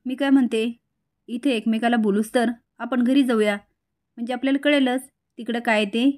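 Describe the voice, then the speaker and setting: A woman's voice: a little high, fairly even intonation, normal speed, a little mellow, close to an everyday voice. A woman voicing a meek, easily slighted young woman in a retold television serial.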